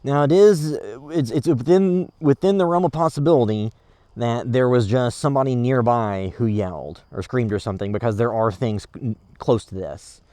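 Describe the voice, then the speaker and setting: A man's voice: medium pitch, moderate pace, warm tone, dry recording, close to an everyday voice. A man acting as a casual, skeptical amateur creature hunter in a found-footage horror film, muttering hesitantly to his camera. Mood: musing, wary. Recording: noisy location sound.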